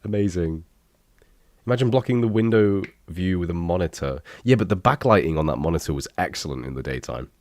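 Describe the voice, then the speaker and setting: Here the sick, stuffy-voiced young man sounds animated and fairly quick, his low voice carrying a darkish tone. He rambles through casual reactions to his old videos, mocking himself and swearing offhandedly, in a dry recording with clean studio sound.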